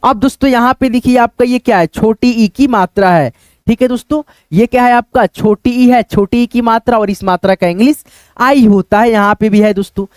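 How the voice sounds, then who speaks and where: A man's voice: extremely high pitch, moderate pace, clear, resonant tone, no echo. A man teaching English spelling step by step, who keeps asking his viewers questions and calls them friends.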